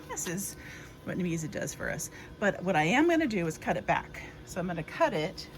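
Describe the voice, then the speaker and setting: A woman's voice: fairly low pitch, noisy background. Chatty woman puttering in her garden. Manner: chatty, rambling, many fillers. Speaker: garden vlogger. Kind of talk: casual chat. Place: outdoors in her home garden.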